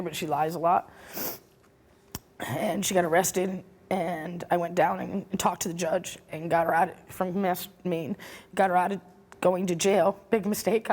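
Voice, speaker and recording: A woman's voice: on the low side, darkish tone, breathy edge. A middle-aged woman speaking as a guest on a talk show, earnest and regretful, turning defensive when challenged. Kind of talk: emotional talk show testimony.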